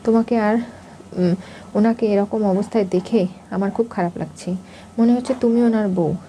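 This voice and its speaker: Timid guilty young woman, read by a woman, pleading, mellow dark voice. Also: medium pitch, steady tone, moderate pace, a little hiss or hum, natural voice. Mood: anxious.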